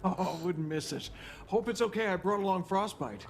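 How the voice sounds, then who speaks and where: Lady voicing shy game adventurer gal, medium pitch, bashful and halting, bit of noise. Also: animated, close to an everyday voice. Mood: bashful, happy.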